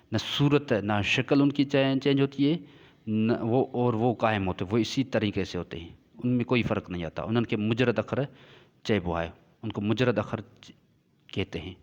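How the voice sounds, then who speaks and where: A male teacher lectures a class, going over each point patiently and again. His voice sits at an ordinary middle pitch. The sound is muffled and lo-fi, with a long echo trailing behind. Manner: explains slowly, repeats and checks with "ठीक है". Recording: dull lo-fi sound with long reverb.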